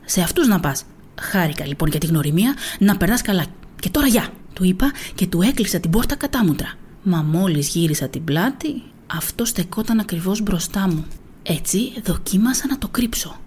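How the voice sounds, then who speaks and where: Expressive woman reading a storybook aloud. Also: slight background noise. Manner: expressive reading, voicing quotes with pitch lifts and whispers; casual, chatty comments with fillers after the reading. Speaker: children's book reader.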